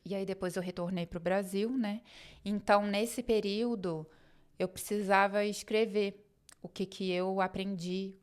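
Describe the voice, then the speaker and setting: A woman's voice: mid-range voice, fairly even intonation, measured pace, smooth. A woman with a Brazilian Portuguese accent, telling a personal travel story in a chatty, rambling way. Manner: chatty, rambling, acts out quoted conversations.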